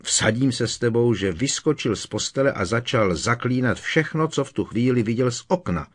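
A man's voice: medium pitch, lively intonation, breathy edge, voice pushed up. A man doing an anxious middle-aged wizard official. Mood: urgent. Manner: urgent, pleading. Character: worried male wizard official, talking head in a fire.

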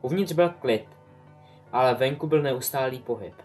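Man, audiobook narration, even storytelling pace. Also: medium pitch, faint music behind. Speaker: audiobook reader. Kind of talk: scripted narration.

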